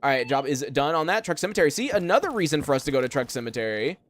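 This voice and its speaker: A young man with a slightly high, fairly bright voice talks rapid-fire and very animatedly. Streaming gameplay live from a room at home, he rambles and chats with heavy fillers while replying to his chat.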